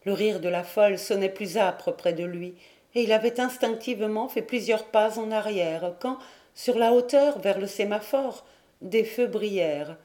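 A woman narrating a novel as an audiobook reader, measured and dramatic. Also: medium pitch, warm tone. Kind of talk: literary narration.

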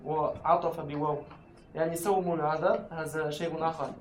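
A man speaks up in class, quick and eager, reciting verses from memory. His voice sits slightly high. The room echoes and clear background noise runs underneath. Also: steady tone. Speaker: student.

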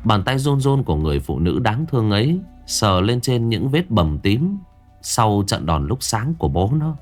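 A man narrating a scripted ghost story in a steady, expressive storytelling voice. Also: fairly low pitch, moderate pace, soft background music.

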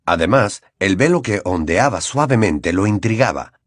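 A man's voice: fairly low pitch, expressive, normal speed, no room sound, clean studio sound. Man reading an audiobook dramatically. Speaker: audiobook narrator. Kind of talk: scripted narration.

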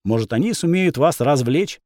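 A man voicing a smooth brothel madam. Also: on the high side, expressive, moderate pace, darkish tone, no room sound, clean studio sound, lightly acted. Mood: coaxing. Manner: coaxing, polite, firm when needed. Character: smooth flirtatious middle-aged brothel madam, woman.

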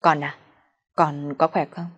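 A woman's voice: sits low, level tone, takes it slowly, slightly rough, highs cut off, full character voice. A woman voicing a worried middle-aged mother pleading over the phone. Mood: anxious. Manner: anxious, pleading.

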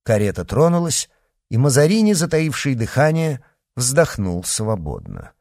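A man narrating an adventure novel in an expressive, storytelling way. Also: medium pitch, unhurried, dry recording, clean studio sound. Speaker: audiobook narrator. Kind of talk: scripted narration.

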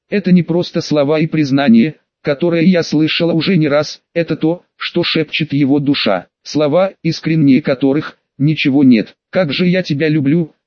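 A man narrating an audiobook in the first person with an even storytelling delivery. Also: fairly high pitch, dry recording, highs cut off.

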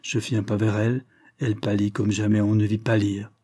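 A man giving a solemn, measured, expressive dramatic reading of a literary text. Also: lowish voice. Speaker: reader.

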